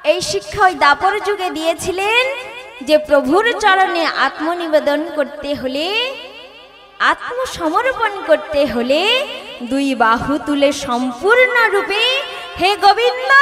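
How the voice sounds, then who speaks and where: A woman kirtan singer preaching to a live audience on a stage mic, urging the crowd and calling them mothers and fathers in a sing-song cadence. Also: high voice. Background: devotional music.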